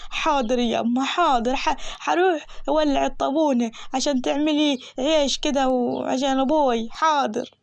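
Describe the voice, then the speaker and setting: A woman's voice: high-pitched, steady tone, normal speed, creaky, no room sound. A woman with an Egyptian accent voicing a naive, lovestruck village girl who pleads and whines. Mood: dutiful. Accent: Egyptian Arabic.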